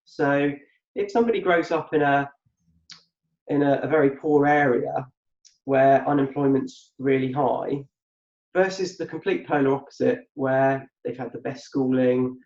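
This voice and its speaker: A podcast co-host, an adult man who once ran a business, speaks in a mid-range voice with fairly even intonation, a little slow and a little mellow. He explains things reflectively and conversationally, repeating words as he thinks out loud. The recording sounds muffled, as if made in an echoey room.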